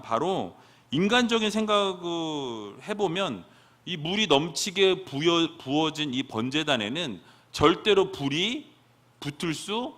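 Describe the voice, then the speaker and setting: A man's voice: fairly high pitch, pushed and bright. A man preaching a sermon who keeps asking the congregation rhetorical questions.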